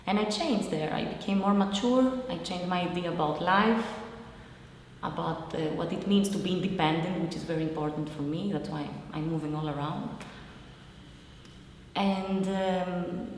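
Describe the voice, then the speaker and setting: Speaking low, animated and unhurried, with a slightly mellow tone, this young woman from Greece is an interviewee who has immigrated to Italy. Her English is simple and searching, carrying her native Greek accent as she reflects on her personal experience. Faint noise and heavy hall reverb surround her voice.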